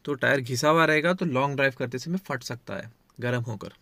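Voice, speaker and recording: A car vlogger stands outdoors beside his car, walking viewers through maintenance checks and talking to them like friends, filmed on a handheld phone. His mid-range voice is fairly bright with vocal fry, a little fast, and has no room sound.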